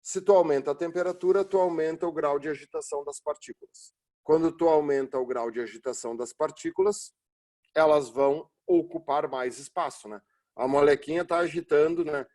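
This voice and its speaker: A male physics teacher talks through a recorded lesson in an easygoing, encouraging way. His voice sits a little higher than most men's. He keeps checking in with quick tag questions and answers his own questions as he goes. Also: a little mellow. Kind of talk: recorded classroom lecture.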